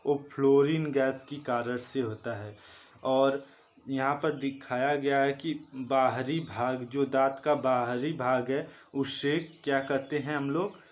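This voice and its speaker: A man teaching a lesson from slides, speaking slowly and repeating terms as he corrects himself. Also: medium pitch, steady tone. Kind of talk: slide-based online lesson.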